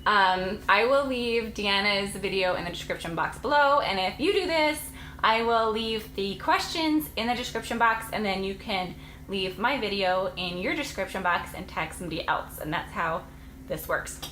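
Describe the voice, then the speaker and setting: A woman's voice: mid-range voice, expressive, normal speed, bright, forceful tone, echoey room, slight background noise, poor audio. A woman in her late twenties, a homeschooling mom vlogger, chatting casually and rambling to camera with frequent laughs. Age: late 20s.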